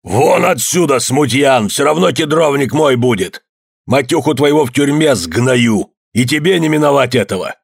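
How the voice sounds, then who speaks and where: An actor playing a furious, greedy old peasant man who shouts hoarsely, choking with rage. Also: mid-range voice, expressive, moderate pace, no room sound, clean studio sound. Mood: raging. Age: older.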